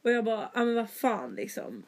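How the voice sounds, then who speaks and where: Young woman, slightly high; lively casual storyteller who mimics the people in her story. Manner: animated retelling, acts out quoted exchanges.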